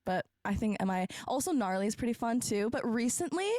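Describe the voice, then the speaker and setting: A woman's voice: on the high side, lively intonation, fast, a little mellow, no room sound, clean studio sound. A young woman, a pop singer guest, chatting in a bubbly, casual way and swearing lightly. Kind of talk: casual interview chat.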